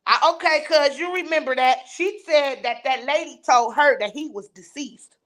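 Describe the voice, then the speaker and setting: A woman's voice: high-pitched, normal speed, a bit bright. A woman hosting a live stream, ranting bluntly and scornfully while reading and answering her viewers' chat. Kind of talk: heated live-stream rant.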